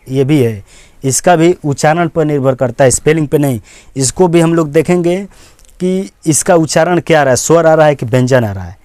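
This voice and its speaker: A man's voice: fairly high pitch, a little mellow, dry recording. Patient male grammar teacher, dry sound. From India. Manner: patient, repetitive explaining with many "theek hai" check-ins. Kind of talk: explanatory lesson.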